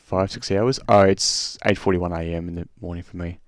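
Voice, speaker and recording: A man's voice: sits low, fairly even intonation, moderate pace, no room sound, studio quality. A man hosting a racing stream, chatting casually and short on sleep, rambling with restarts and swearing. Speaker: streamer and race host. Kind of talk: casual chat over a race replay.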